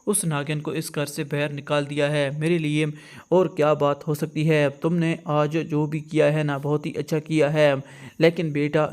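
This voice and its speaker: A man voicing a stern middle-aged mother in a retold drama, in his own flat voice. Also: on the high side, close to an everyday voice. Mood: advising.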